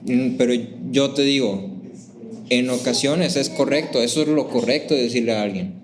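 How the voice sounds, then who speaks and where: A man teaching a church class in a conversational, lively way. He asks the class questions and acts out sample phrases in a raised voice. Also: medium pitch, moderate pace, background noise.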